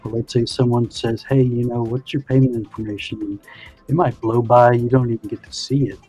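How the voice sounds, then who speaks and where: Husky-voiced man chatting casually. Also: medium pitch, steady tone, brisk, mellow, soft background music. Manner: rambling, explanatory, lots of "you know". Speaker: livestream host. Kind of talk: casual chat.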